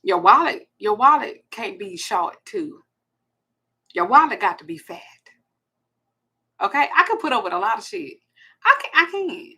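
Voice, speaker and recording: A woman's voice: mid-range voice, very animated, moderate pace, pauses often, pushed and bright, husky. A woman, hosting a blunt, profane ranting monologue. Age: 40s. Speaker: host.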